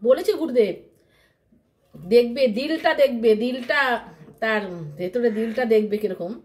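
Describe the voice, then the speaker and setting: Rambling woman with a higher voice. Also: lively intonation, a little slow. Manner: rambling and repetitive, often acts out other people's voices. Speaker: vlogger. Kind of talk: casual chat to followers.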